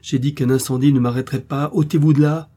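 A man's voice: medium pitch, normal speed, mellow, husky. A man voicing a passionate young woman who begs and implores in a storybook reading. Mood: urgent. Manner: imploring, pleading.

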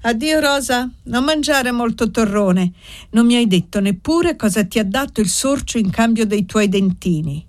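A woman's voice: fairly high pitch, expressive, moderate pace, pitched above the performer's own voice, lightly acted. A woman voicing an affectionate, vain old village woman in a read-aloud novel. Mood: teasing. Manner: doting, fussy.

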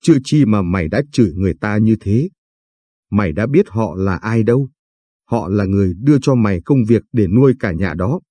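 A man doing an irate old father-in-law in an audio storybook, berating his family in fast, heated outbursts. The voice is low, dark and husky, with a dry, close sound. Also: lively intonation, dry recording. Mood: furious. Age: older. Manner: angry scolding, rapid tirades. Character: hot-tempered elderly father-in-law, scolding.

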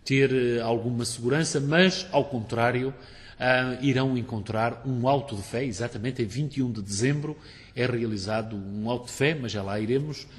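A man's voice: medium pitch, moderate pace, in a large hall. A man who hosts a radio book program, often completing his guest's sentences. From Portugal. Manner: finishes the guest's sentences, frequent backchannel. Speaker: radio show host. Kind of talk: radio interview.

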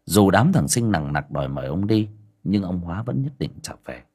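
A man narrating an audiobook in a dramatic, expressive way. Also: sits low, a little fast, breathy edge. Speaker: storyteller.

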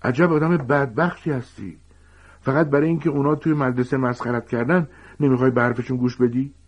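A man's voice: medium pitch, steady tone, pitched above the performer's own voice, natural voice. A man voicing a defiant, distrustful teenage schoolboy in a storybook reading. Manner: sharp and defiant. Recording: dull lo-fi recording.

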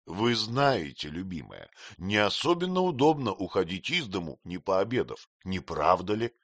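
A patient, earnest young husband, played by a male reader in his own low voice. He talks gently and reasonably, with a lot of movement in his pitch. The sound is dry and close. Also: big pitch swings, moderate pace, no echo, full character voice. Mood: gentle.

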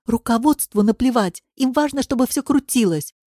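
A woman's voice: a little high, lively intonation, moderate pace, mellow, no echo, studio quality, pitched above the performer's own voice. Woman voicing frustrated wife Vika, raised and pleading. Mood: insistent. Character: frustrated woman near forty, wife of Nazar.

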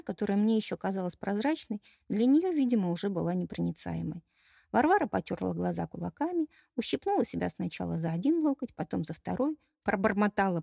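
A woman narrates a fantasy audiobook in the first person, wry and lively. Her voice is gravelly with a low, dark tone, recorded close and dry. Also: dry recording. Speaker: audiobook reader.

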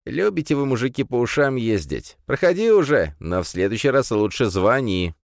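A man's voice: mid-range voice, very animated, normal speed, gravelly, no room sound, clean studio sound, voice pushed up. A man voicing a grumpy, wrinkled old woman doorkeeper with a grating voice. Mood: grumbling.

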